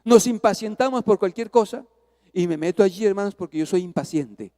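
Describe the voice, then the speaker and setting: A man, a pastor preaching a sermon, swinging from hushed to loud as he acts out a story. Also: high voice, brisk, long reverb tail. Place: church.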